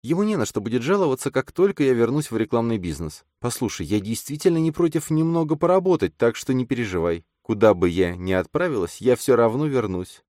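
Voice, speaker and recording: A man's voice: medium pitch, sing-song, fairly quick, hardly any pauses, mellow, dry recording, clean studio sound, pitched above the performer's own voice, natural voice. A man voicing a playful, tender woman artist. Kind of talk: audiobook character reading.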